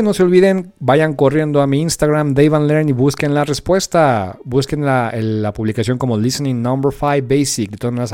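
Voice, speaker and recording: A man's voice: mid-range voice, darkish tone. A man with a Mexican accent hosting a casual English lesson podcast, playful and full of slang and joking asides. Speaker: English teacher and podcast host.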